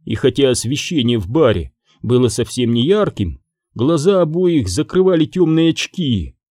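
A man reading a fantasy storybook aloud, with an expressive, lively delivery. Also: mid-range voice, normal speed, dry recording. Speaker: audiobook reader. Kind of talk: storybook narration.

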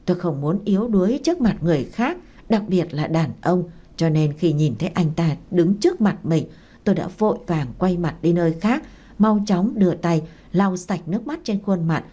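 A woman reading a romance story aloud in a steady first-person narration. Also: on the low side, normal speed, slightly rough, muffled recording.

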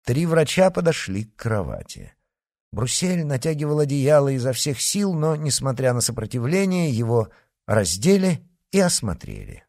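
Expressive male narrator, animated swings in pitch, dry booth sound. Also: normal speed, gravelly, dry recording. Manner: expressive reading. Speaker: audiobook narrator. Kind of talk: scripted narration.

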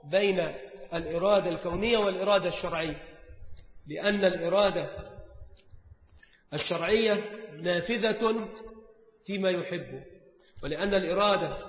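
High-voiced man lecturing in an echoing hall. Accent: Egyptian Arabic. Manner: explains grammar point by point, repeats phrases and asks rhetorical questions; recites Quran verses slowly. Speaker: Islamic scholar teaching creed. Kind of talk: recorded religious lesson. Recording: dull, echoey hall recording.

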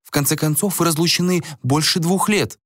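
A man's voice: a little high, a little fast, fairly bright tone, no echo, clean studio sound, voice pushed up. A man voicing a quarrelsome, scheming woman who screeches and scolds in an audiobook. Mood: scornful.

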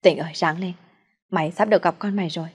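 Flustered young friend, talks fast, keeps saying sorry, woman reading her lines. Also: fairly low pitch, steady tone, darkish tone, breathy edge. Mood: hurried. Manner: hurried, apologetic.

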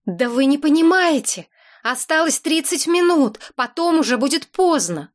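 A frantic young woman wails and pleads in a voice pushed up high, dramatic and panicky, as a woman acts her out. She sounds like a storybook heroine close to tears. Her tone stays shrill and insistent. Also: lively intonation, normal speed. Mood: shrieking. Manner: wailing, melodramatic pleading.

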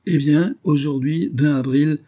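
A man reading aloud voices an irascible elderly professor who snaps commands and questions in a husky, mellow voice. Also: a little high, steady tone, measured pace, pitched above the performer's own voice. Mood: pleased. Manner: imperious, snapping questions. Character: irascible elderly male professor, gruff and demanding.

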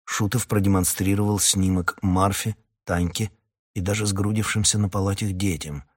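A man narrating an audiobook with a low voice and a husky edge. He tells the story at a steady, even pace. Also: moderate pace.

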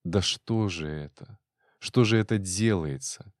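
A man with a deep voice voicing a young, jealous, angry husband in an audiobook, harsh and biting. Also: unhurried, no room sound, clean studio sound. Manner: jealous, shouting through teeth.

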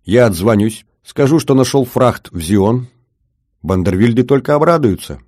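A man voicing an excitable, hearty bald ship's mate in an audiobook, speaking in an animated, exclamatory way. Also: mid-range voice, moderate pace, no echo, clean studio sound, voice pushed up, lightly acted. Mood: excited.

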